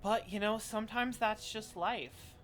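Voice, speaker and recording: A game streamer talks casually through play in a mid-pitched voice. The manner is wry and playful, and there is noticeable noise behind the voice. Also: a little slow, fairly bright tone. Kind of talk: casual gameplay commentary, reading game text aloud.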